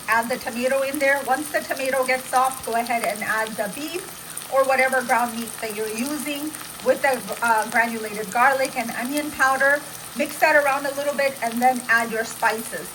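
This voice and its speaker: A woman with a slightly high voice talks her viewers through a recipe step by step in a home kitchen. Her manner is chatty and instructive. Faint sizzling noise sits underneath her voice. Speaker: cooking vlogger. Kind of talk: casual cooking demo.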